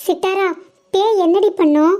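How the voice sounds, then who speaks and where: A woman's voice: very high voice, unhurried, mellow. A woman voicing a frightened young schoolgirl who pleads in a jittery way. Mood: curious.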